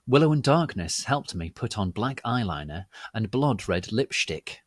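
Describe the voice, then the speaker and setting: A man's voice: on the low side, sing-song, unhurried, dry recording, clean studio sound. A man narrating a dramatic reading of fan fiction in a hammy, theatrical, stagey manner.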